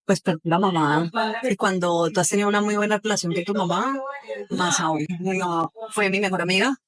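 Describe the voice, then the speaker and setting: A woman's voice: fairly low pitch, brisk, fairly bright tone. A young woman, a podcast guest telling her own hard experiences with feeling, acting out what others said. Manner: emotional, retells events with quoted speech and sounds. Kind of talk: personal testimony in a podcast interview.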